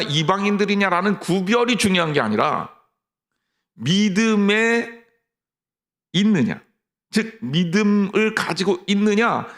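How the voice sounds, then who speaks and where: A middle-aged man with a high-sitting, creaky voice preaches a sermon as pastor. He is lively, mixing mock dialogue with personal stories.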